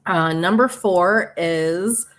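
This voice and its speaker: Chatty Midwestern woman hosting a livestream. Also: lowish voice. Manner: chatty, laughs often, quick asides. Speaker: livestream host. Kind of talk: casual livestream announcements.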